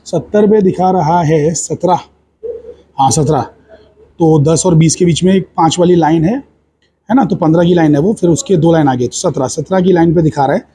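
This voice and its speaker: Man, Indian accent, physics lab teacher, step-by-step explaining, mellow dark tone. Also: fairly high pitch, moderate pace, a little hiss or hum. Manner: explains step by step, with frequent checks like "is it not?". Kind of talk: hands-on lab demonstration.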